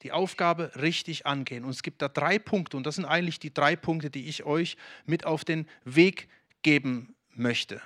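A man from Germany delivers a lively sermon and talks directly to his listeners. His voice sits a little high for a man. The sound is dry and close, with no room echo. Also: moderate pace. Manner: lively preaching with many restarts and direct address to the congregation. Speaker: pastor.

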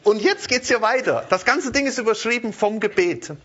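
A man preaching a sermon in a lively way, often checking in with his listeners and repeating words as he searches for the next one. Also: high voice, normal speed, highs cut off.

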